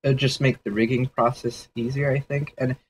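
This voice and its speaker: A man's voice: mid-range voice, flat delivery, moderate pace, a little hiss or hum, poor audio. A man casually thinking aloud during a livestream sketch session, rambling and hedging with fillers as he explains his ideas. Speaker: 3D artist streaming a sketch session.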